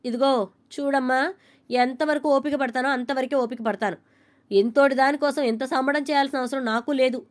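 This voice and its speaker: A woman's voice: high-pitched, fairly even intonation, moderate pace, voice pushed up, natural voice. A woman voicing an angry middle-aged mother who scolds indignantly in a serial retelling. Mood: indignant scolding.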